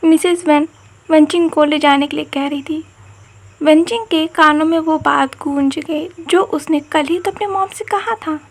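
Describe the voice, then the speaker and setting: A woman's voice: sits high, steady tone, unhurried. A woman narrating a fan story in an earnest, emotional way, often repeating herself.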